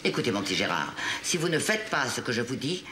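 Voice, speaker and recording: A woman's voice: extremely low pitch, very animated, quick pace, pushed and bright, heavily acted. An actress playing a haughty, thrice-married middle-aged woman at a massage, ordering her masseur around in a pompous, bossy manner, in a TV sitcom. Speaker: spa client. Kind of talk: 1990s TV sitcom acting. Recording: TV sitcom audio with background noise.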